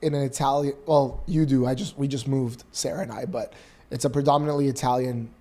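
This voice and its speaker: A man co-hosting a casual podcast, telling lively stories and acting out voices. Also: mid-range voice, brisk. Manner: animated storyteller, acts out voices. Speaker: podcast co-host. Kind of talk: casual chat.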